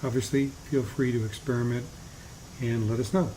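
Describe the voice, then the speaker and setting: Male tutorial narrator, measured and methodical, formal scripted teaching, middle pitch, light background noise. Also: fairly even intonation, mellow, rough recording. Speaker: flight simulator instructor.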